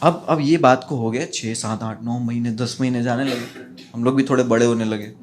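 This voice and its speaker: A young man doing stand-up, telling a story with lively swings from hushed to loud and acting out the voices of others. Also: mid-range voice, moderate pace, very noisy. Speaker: stand-up comedian. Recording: loud audience laughter.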